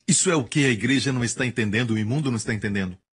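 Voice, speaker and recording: A man preaching a sermon, emphatic and animated, acting out the quotes he tells. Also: medium pitch, very fast, husky.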